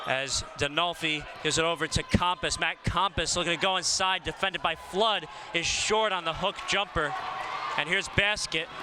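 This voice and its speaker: A man doing live play-by-play for a basketball game, his calls rising on big plays. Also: fairly high pitch. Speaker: play-by-play announcer. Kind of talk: live sports commentary. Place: basketball arena. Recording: noisy arena broadcast.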